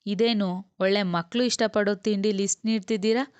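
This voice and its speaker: A woman's voice: mid-range voice, fairly even intonation, moderate pace, smooth, no echo, highs cut off, lightly acted. A woman playing a puzzled young wife. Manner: questioning.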